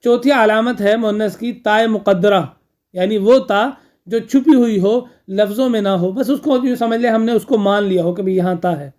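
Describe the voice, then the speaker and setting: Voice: mid-range voice, moderate pace, a little mellow. A grammar teacher lecturing a class, repeating key terms, posing questions and answering them, with frequent checking fillers.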